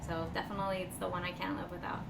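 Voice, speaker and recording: This woman, a Costa Rican design strategist guesting on a podcast, speaks in a rapid-fire, flat delivery with a voice on the low side, though her casual answers still come out thoughtful and hesitant. The audio is echoey and clearly noisy, captured by a distant microphone.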